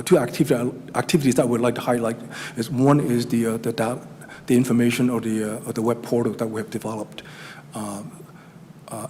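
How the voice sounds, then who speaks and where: In a council chamber, a middle-aged presenter on regional economic development gives a formal talk to the town council with a Chinese accent. His medium-pitched voice has a darkish tone, and he hesitates often, restarting and using many fillers. Hall reverb and faint room noise fill the recording.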